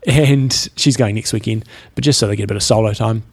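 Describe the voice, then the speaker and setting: Gravelly New Zealand man, dry and teasing. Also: on the low side, a little fast. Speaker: podcast co-host. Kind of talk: casual chat.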